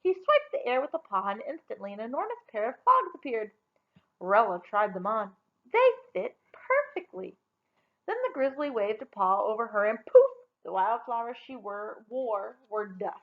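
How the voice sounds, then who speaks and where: Reading a children's story aloud, a woman uses an expressive storytelling style. Her voice is a little high, her pace moderate, and the audio has phone-quality sound.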